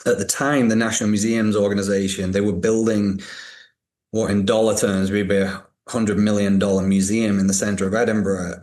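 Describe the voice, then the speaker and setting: A museum director in his fifties, originally from Northern England, speaks in a lowish voice with a transatlantic accent where the Northern English is softened by American. As a podcast guest, he reflectively tells his own story in a conversational interview, often repeating words.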